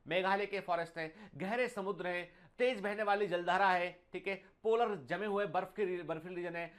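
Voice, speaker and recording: High-voiced man teaching biology. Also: fairly bright tone. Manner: mixes Hindi and English, slows to read English lines aloud; calls students "beta", often adds "theek hai". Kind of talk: online exam-prep lecture.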